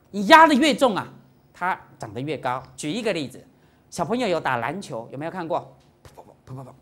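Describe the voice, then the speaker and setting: A woman Buddhist teacher giving a lively Dharma lecture, often dropping into a soft chant to demonstrate. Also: medium pitch. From Singapore. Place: lecture hall.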